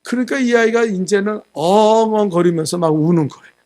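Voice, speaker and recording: Korean pastor preaching, storytelling. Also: male voice, high voice, brisk. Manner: storytelling with acted quotes, rising loud at climaxes. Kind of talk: sermon. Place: church sanctuary.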